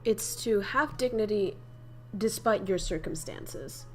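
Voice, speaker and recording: Teaching idioms during a casual livestream, a young woman from northern Vietnam speaks with a Vietnamese accent in a medium-pitched, slightly mellow voice. She's animated but slow-paced, with faint music behind her, and she chats freely, laughs often and reads comments from the chat aloud.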